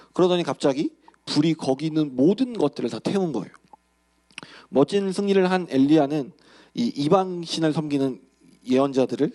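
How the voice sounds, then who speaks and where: A young man, a youth pastor, telling a Bible story in a lively sermon and acting out the characters' lines. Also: on the high side.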